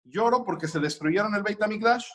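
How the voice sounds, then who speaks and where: A man doing an old rabbi, patient and explaining, a bit high-voiced. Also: fairly quick, a bit bright.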